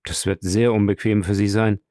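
A man reading the part of a lively, teasing young nobleman with animated, exclaiming lines in an audiobook. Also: fairly low pitch, normal speed, no room sound, clean studio sound, lightly acted.

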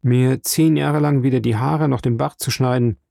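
Man voicing an earnest young seaman, confident, dark gravelly voice, dry close audiobook sound. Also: medium pitch, fairly even intonation, moderate pace, no room sound, close to an everyday voice. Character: determined young male seaman, resourceful and earnest. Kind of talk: audiobook reading.

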